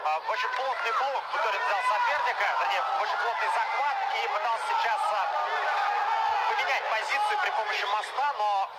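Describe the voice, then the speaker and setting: Male fight commentator, lively swinging intonation, raised voice over heavy crowd noise. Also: high voice, a little fast. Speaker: MMA commentator. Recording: loud crowd and arena noise behind. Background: noisy fight crowd.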